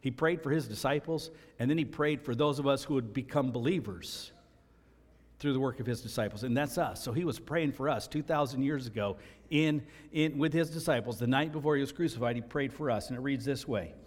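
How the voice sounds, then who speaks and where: A man's voice: mid-range voice, a little fast. A man preaching a sermon as pastor, earnest and emphatic, repeating key phrases for stress. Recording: long reverb of a large hall.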